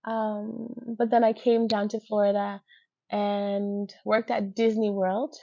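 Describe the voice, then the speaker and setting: A woman with a New York accent, talking casually as a podcast guest about her work as a fashion designer, chatty and quick to laugh. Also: mid-range voice, flat delivery, dark tone, muffled recording. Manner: chatty, laughs easily, quotes her own thoughts.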